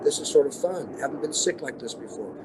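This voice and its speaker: A man's voice: a little high, expressive, a little fast, noisy background. A man in his sixties, an extreme athlete and interview guest, telling motivational stories in short, punchy, emphatic statements. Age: 60s. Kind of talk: motivational storytelling.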